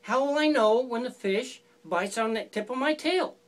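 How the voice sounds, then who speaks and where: A woman's voice: fairly high pitch, normal speed, close to an everyday voice. A woman voicing a proud, gullible male bear who asks eagerly and trustingly in a folk tale.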